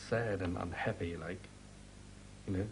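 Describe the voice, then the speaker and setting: A man interviewed about a former business partner, speaking haltingly with broken grammar. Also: deep voice, steady tone, creaky, slight background noise, rough recording. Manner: halting, hesitant speech with nonstandard grammar. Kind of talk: interview answers.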